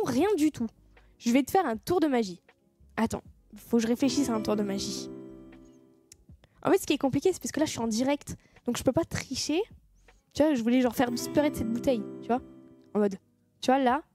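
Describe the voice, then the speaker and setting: A woman's voice: on the high side, dark tone. A young woman streamer chatting casually with her viewers, swearing freely and thanking them as she goes. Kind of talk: casual live-stream chat.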